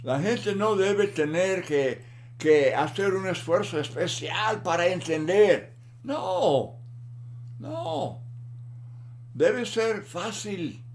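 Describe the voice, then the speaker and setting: A man giving a Bible lesson in a slow, deliberate manner, often repeating words for emphasis. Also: high voice, a little hiss or hum. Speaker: Bible teacher.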